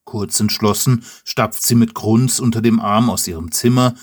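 A man hosting and reading a children's story aloud, talking directly and warmly to the listener. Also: fairly low pitch, fairly even intonation, normal speed. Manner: friendly, direct address to the listener. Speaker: host and storyteller.

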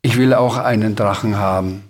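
A man's voice: on the low side, fairly even intonation, normal speed, slightly rough, pitched below the performer's own voice. A man doing a cheeky boastful little Sams. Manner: boastful, bossy.

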